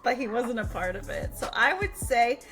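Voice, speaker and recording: A woman co-hosting a podcast in casual chat, animated and laughing often, acting out characters' lines as she retells stories. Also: a little high, moderate pace, music in the background. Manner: animated, acts out characters' lines while recounting. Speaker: podcast co-host.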